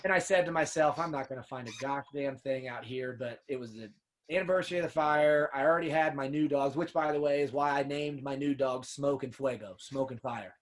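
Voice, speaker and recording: Speaking a little fast in a mid-range voice with fairly even intonation, a podcast guest who hunts upland birds and owns a dog kennel shares hunting stories in a casual interview. He's earnest and emotional, dropping "man" and "dude" often.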